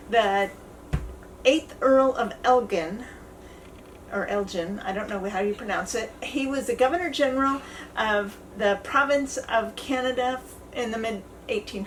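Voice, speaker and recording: A woman's voice: on the high side, unhurried. Chatty woman telling a trip story. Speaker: travel vlogger. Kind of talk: casual chat. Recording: distant mic with faint ambient noise.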